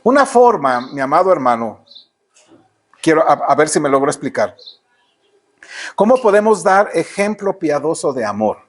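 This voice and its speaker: A man's voice: on the high side, big pitch swings, moderate pace, pauses often, a little hiss or hum. A man with a Mexican Spanish accent preaching a sermon in church, often asking the congregation rhetorical questions. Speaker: pastor.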